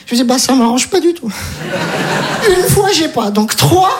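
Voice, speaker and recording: On a comedy stage, a female stand-up comedian tells a story and acts out the dialogue with energy. Her voice sits high, with lively intonation at a normal speed. The live recording is noisy.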